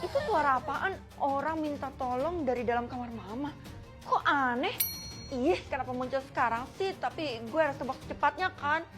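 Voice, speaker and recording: A young woman, narrating a comic POV story as a quick, muttered inner monologue. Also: high-pitched, over music.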